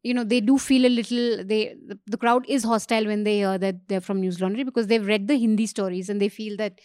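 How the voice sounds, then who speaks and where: An Indian-accented woman talking as a panelist in a casual discussion, often halting and restarting. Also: medium pitch, steady tone, darkish tone, smooth, no echo, studio quality.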